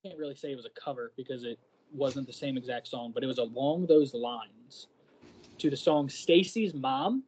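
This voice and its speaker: A man's voice: mid-range voice, moderate pace, a little mellow, a little hiss or hum, poor audio. A man co-hosting a podcast, chatting casually and hesitating with lots of ums while he searches for words. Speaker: podcast co-host. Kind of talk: casual chat.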